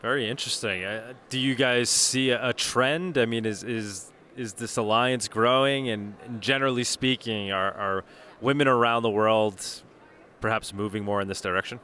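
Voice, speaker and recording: A man's voice: medium pitch, fairly even intonation, moderate pace, pushed and bright, slight background noise. A man hosting an interview, asking questions with stumbling restarts and repeated words. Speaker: podcast host, interviewer. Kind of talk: casual interview. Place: busy convention venue.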